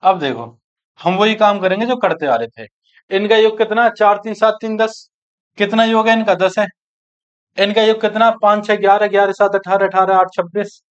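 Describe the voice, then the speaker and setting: In a muffled, dull recording, a maths teacher with a high voice runs an exam-prep session at a moderate, smooth pace. He poses questions about each calculation and supplies the answers himself, addressing the class as friends and brothers.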